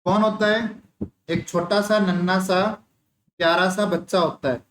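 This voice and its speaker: High-voiced coaching teacher, echoey room. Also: male voice, steady tone, unhurried, a bit bright. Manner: storytelling teacher, repeats questions to students, calls them "beta". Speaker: nursing exam teacher. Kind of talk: online exam coaching class. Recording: echoey room with faint ambience.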